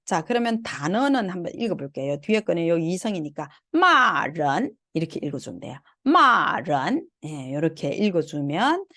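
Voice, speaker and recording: A Chinese language instructor gives a recorded online lecture on Chinese tones in a low, slightly mellow, animated voice, with studio quality and no room sound. She talks fairly quickly with hardly any pauses, patiently explaining step by step and singing out syllables to demonstrate each tone.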